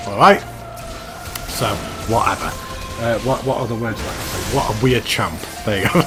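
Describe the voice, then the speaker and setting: A man's voice: medium pitch, poor audio. A man hosting a gaming channel, giving a chatty, self-mocking commentary voice-over and laughing at himself. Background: background music.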